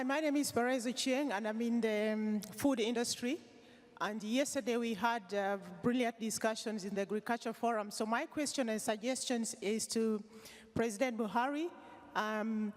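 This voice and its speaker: Woman asking a question in a hall. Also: on the high side. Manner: measured, with hesitant fillers. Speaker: audience member. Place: large conference hall. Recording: reverberant hall.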